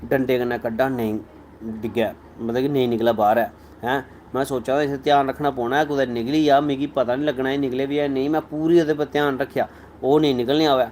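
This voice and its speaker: A man's voice: medium pitch, fairly even intonation, brisk, darkish tone, a little hiss or hum. A man with a Dogri accent, a comedian chatting casually with viewers on a live stream, telling stories in a playful way. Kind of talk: casual live chat answering viewer comments.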